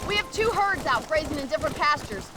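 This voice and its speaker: A woman's voice: high-pitched, lively intonation, quick pace. An actress playing a plucky, commanding female rancher with an American accent in a western video game, forthright and folksy. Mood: plain-spoken, brisk. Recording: clear outdoor noise behind the voice.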